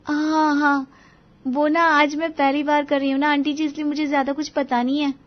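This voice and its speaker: A woman's voice: high voice, little pitch movement, moderate pace, muffled recording, voice pushed up, natural voice. A woman voicing a timid, eager young daughter-in-law in a cartoon story, polite and anxious to please.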